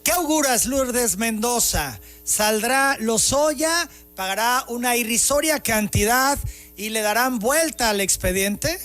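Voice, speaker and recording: A man's voice: extremely high pitch, animated, slow pace, a bit bright, faint music behind. A man hosting a news interview, asking formal, probing questions. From Mexico.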